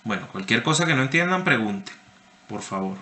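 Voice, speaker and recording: A very animated man with a sharp, mid-range voice teaches briskly in an echoey room. He's a university lecturer giving an online class, explaining step by step, addressing students by name, and asking "¿sí?" often to make sure they follow.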